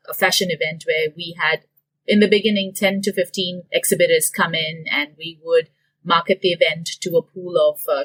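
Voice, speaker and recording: A woman's voice: lowish voice, low-quality recording. A woman from Singapore, a business owner, giving detailed interview answers with some fillers. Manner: detailed, steady explaining with fillers.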